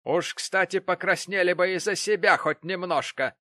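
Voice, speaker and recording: Мужчина изображает визгливую сварливую старуху-сиделку. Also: male voice, normal speed, bright, forceful tone, no room sound, studio quality. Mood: indignant. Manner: shrill, scolding. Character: indignant old woman nurse, pompous and quarrelsome.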